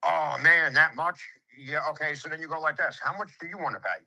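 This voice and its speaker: A brash, streetwise home improvement contractor in his fifties talks in a casual sales conversation, lecturing with swearing and acted-out quotes. His voice is a little high, brisk, pushed and bright with vocal fry, and the audio is poor.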